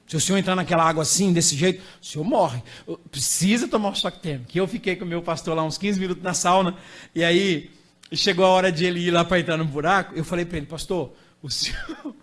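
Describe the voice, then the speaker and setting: A middle-aged Brazilian man, an evangelist preacher, telling a lively anecdote in a sermon and acting out the dialogue. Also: high voice, fast. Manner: animated storytelling, acting out dialogue with laughter.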